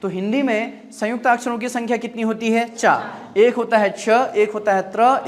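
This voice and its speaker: A man teaching a grammar lesson. He asks the class short repeated questions and answers them himself. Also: high voice.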